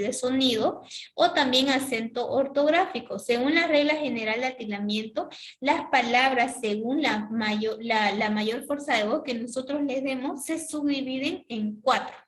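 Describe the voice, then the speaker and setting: A woman teacher giving a classroom lesson, explaining step by step, repeating key words and checking in with a quick "¿ya?". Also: high-pitched, fairly bright tone.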